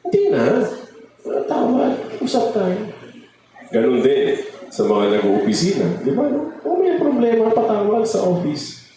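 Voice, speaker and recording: A man's voice: sits high, huge pitch swings, a little slow, dark tone. A man giving a conversational sermon as a lay preacher, joking and often prompting the congregation for amens. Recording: very echoey hall with faint noise.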